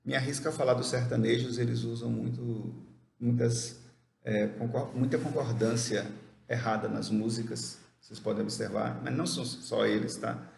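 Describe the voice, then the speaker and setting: Gravelly-voiced man teaching grammar in an echoey room. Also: mid-range voice, steady tone, a little mellow. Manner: explains step by step, asks and answers his own questions; reads English examples slowly and carefully. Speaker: English teacher. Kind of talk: grammar lesson. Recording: echoey room with faint background noise.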